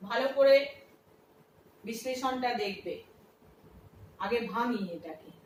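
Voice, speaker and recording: A woman's voice: a little high, expressive, takes it slowly, darkish tone. A woman teacher explaining a lesson step by step, asking questions and answering them herself. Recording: echoey room, from a distance, faint noise.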